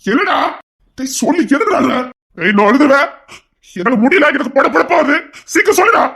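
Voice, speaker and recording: A woman's voice: high voice, very animated, a little fast, vocal fry, a bit bright, voice pushed up, heavily acted. A woman voicing an anxious family man who begs for news, pleading and tearful, in an audio story. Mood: frantic. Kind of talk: audio story role-play.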